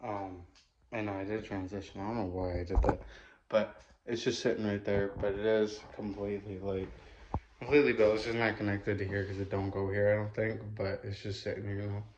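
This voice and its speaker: A man's voice: lowish voice, flat delivery, brisk, roomy sound. A young man giving a casual room tour vlog, rambling with many fillers, filmed on a phone in a small bedroom. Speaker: vlogger. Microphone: phone camera. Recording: dull lo-fi phone audio with faint hiss.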